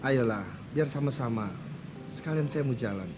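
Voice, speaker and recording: A man's voice: mid-range voice, moderate pace, noisy background, close to an everyday voice. An actor playing a middle-aged father who politely introduces people and offers a ride. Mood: courteous. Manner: courteous, persuasive. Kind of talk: TV drama acting.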